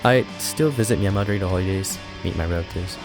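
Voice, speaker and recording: A man's voice: low voice, quick pace. A man, reading a scripted voice-over narration. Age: 20s. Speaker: vlogger narrating. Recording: music bed underneath.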